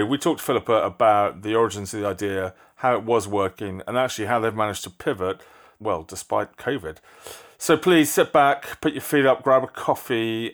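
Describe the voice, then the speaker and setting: Low-pitched male podcast host. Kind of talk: podcast interview.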